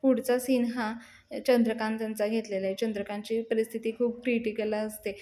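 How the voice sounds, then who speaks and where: Woman, serial reviewer, casual episode retelling, fairly high pitch, flat mellow tone, steady storytelling. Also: a little fast. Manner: steady storytelling with fillers and restarts.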